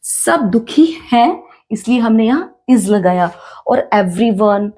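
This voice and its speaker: A woman with an Indian accent teaching a spoken English lesson, slowly repeating each phrase and quizzing the learners. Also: a little high, animated, warm tone. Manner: slow, repeats each phrase, asks the class questions.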